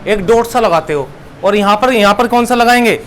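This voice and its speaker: A young man with a high voice teaches a lesson, repeating each key term and posing questions he answers himself. There is a faint hiss of room noise behind him. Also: brisk, fairly bright tone. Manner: repeats key words, asks and answers his own questions. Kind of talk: classroom lesson.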